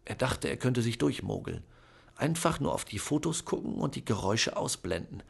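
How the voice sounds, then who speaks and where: Gravelly male audiobook narrator. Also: medium pitch, sing-song, normal speed, slight background noise. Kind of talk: scripted narration.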